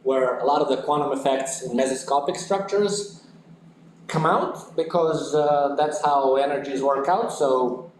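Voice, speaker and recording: A man's voice: medium pitch, measured pace, a little hiss or hum. Man lecturing with many fillers in an echoey hall. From Ukraine. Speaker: physics lecturer. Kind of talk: university lecture. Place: lecture room.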